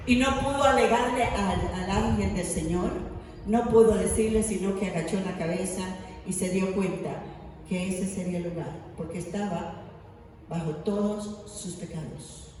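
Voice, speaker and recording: A woman's voice: medium pitch, a little mellow, far from the mic. A woman preacher giving a sermon. She tells stories, acts out the quoted voices and asks the congregation questions. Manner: storytelling, acting out quoted voices, rhetorical questions. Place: church hall. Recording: echoey hall, voice from afar, faint noise.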